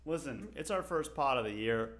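A man's voice: medium pitch, animated, moderate pace, fairly bright tone. A man co-hosting a casual podcast, rambling and joking with frequent laughs. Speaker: podcast co-host. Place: local to Las Vegas.

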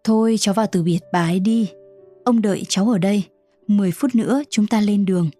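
A woman's voice: medium pitch, quick pace, warm tone, faint music behind, close to an everyday voice. A woman voicing a stern old male street performer in a storybook reading, with curt, commanding speech. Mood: firm.

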